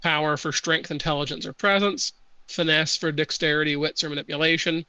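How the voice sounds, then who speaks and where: A man acting as game master, reading out rules and narrating a tabletop game in a slow, measured way with hesitant pauses. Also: fairly high pitch, fairly even intonation, sharp tone, clear, resonant tone, dry recording, low-quality recording.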